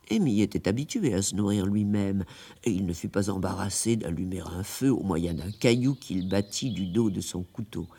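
A man narrating a classic tale in a radio drama, with an expressive telling. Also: on the low side, gravelly, breathy edge. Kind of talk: scripted storybook narration.

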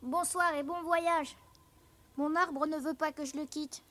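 A woman's voice: high-pitched, fairly even intonation, unhurried, a bit bright, no room sound. A woman playing a stubborn orphan boy who lives alone in a tree, in a radio drama, earnest and defiant. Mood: polite.

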